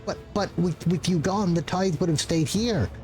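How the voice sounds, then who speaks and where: Overworked video game clerk, played by a man: high voice, halting and stuttering, frantic, guilty, begging to be understood. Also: a little mellow, soft background music, close to an everyday voice. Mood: anxious pleading. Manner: stammering, halting, pleading. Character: frantic, guilt-ridden, overworked male clerk with head implant. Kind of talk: improvised reading of game dialogue.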